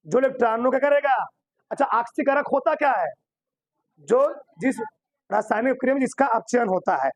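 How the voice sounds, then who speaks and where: A man's voice: extremely high pitch, brisk, no room sound. A man teaching a chemistry class in Hindi. He keeps posing questions to his students, answers them himself, and repeats key terms for emphasis. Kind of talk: classroom lecture.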